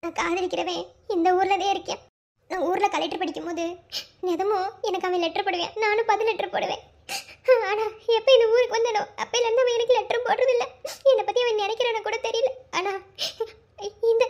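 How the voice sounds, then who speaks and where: A young woman collector in a television drama, speaking in a with a strikingly high, thin voice. She is proud and sharp-tongued with her family, then soft and halting once she opens up about the man she secretly loves. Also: fairly even intonation, highs cut off. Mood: confiding. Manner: bossy with family, soft and halting when confessing. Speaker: district collector in love.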